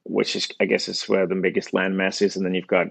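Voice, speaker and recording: A middle-aged man from Denmark, a native Danish speaker, talking in a relaxed, thoughtful way as a guest in an interview. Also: sits low, fairly quick, gravelly, husky. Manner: relaxed, thoughtful, frequent fillers. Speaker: guest, company founder. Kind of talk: casual interview conversation.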